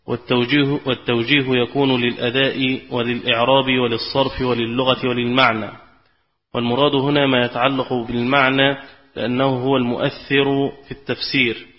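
A man reading a scholarly text aloud to a class in a formal, measured way. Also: medium pitch, level tone. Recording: lo-fi recording in a reverberant hall.

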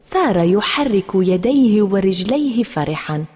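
A woman reading a children's story aloud in an expressive, animated manner. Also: medium pitch, a little slow. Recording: roomy reverb with soft music.

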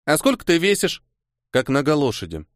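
A bossy little girl of about eight who won't stop asking questions, put on by a male reader. Her voice sits high above his own, and the questions come in an insistent stream. The sound is dry and close. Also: wildly swooping pitch, moderate pace, no room sound. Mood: inquisitive. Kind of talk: audiobook character voice.

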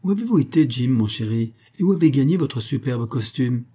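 A man voicing a shrill, cajoling old grandmother from a city slum in an audiobook. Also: expressive, fairly quick, mellow, husky. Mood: wheedling. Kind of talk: audiobook character voice.

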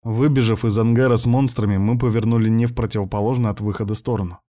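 A man reading a first-person audiobook with steady, even storytelling. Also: fairly low pitch, fast talker. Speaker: audiobook narrator.

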